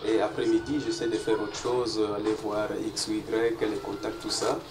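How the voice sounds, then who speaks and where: A man's voice: lowish voice, little pitch movement, moderate pace. A man, answering as a guest artist in a casual interview, laying out his plans at length and mixing in Swahili words. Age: 40s. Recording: echoey room, distant mic, noisy.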